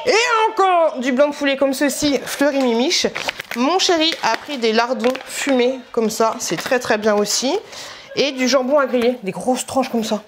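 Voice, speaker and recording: A woman's voice: high voice, normal speed, noisy background. A woman vlogger chatting at home in a casual, slangy, rambling way as she shows her shopping. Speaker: vlogger showing a grocery haul. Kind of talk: casual chat.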